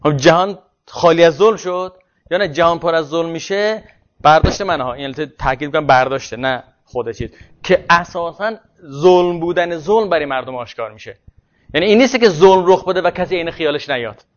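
A man's voice: fairly high pitch, animated, lo-fi sound. A man giving a classroom lecture on social theory, thinking aloud and often restarting words mid-phrase.

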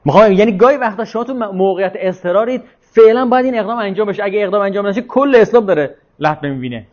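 A man's voice: high-pitched, animated, darkish tone, highs cut off. A man leading an informal religious lecture and discussion, talking in a discursive way, repeating his points and asking rhetorical questions.

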